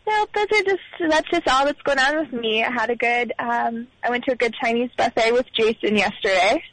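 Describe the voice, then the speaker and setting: A woman's voice: fairly high pitch, brisk, fairly bright tone, dry recording. A woman calling in on a phone line from a car, chatting in an upbeat way. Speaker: caller. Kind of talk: casual chat.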